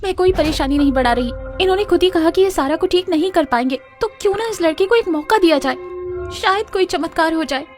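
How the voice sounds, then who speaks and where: A woman's voice: very high voice, animated, quick pace, darkish tone, soft background music. An actress playing an earnest young daughter begging her father, in a dubbed drama. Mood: pleading. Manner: pleading, earnest. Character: desperate young daughter pleading. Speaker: narrator and daughter. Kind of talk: Hindi dub of a drama series.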